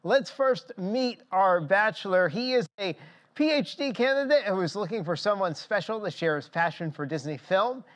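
Playful, teasing male game show host, higher-pitched voice. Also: expressive, normal speed, fairly bright tone. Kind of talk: live game show hosting with banter.

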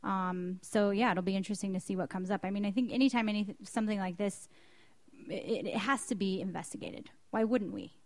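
A woman's voice: mid-range voice, fairly quick. A woman co-hosting a news podcast, speaking earnestly and often correcting herself mid-sentence. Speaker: podcast co-host. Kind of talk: casual news chat.

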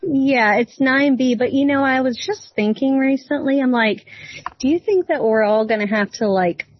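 A woman's voice: high-pitched, moderate pace. A woman as a podcast guest and consulting client, chatty and curious, often saying "like". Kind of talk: casual podcast conversation. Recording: dull lo-fi sound.

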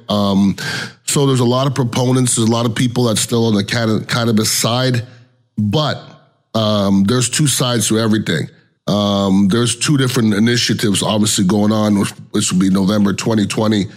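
A middle-aged man hosting a casual solo podcast, talking in a blunt, slangy, colloquial way. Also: fairly low pitch. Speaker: podcast host.

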